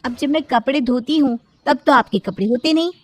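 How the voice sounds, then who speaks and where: A woman's voice: high-pitched, a little fast, darkish tone, pitched above the performer's own voice. A woman doing a sarcastic, dismissive young sister-in-law.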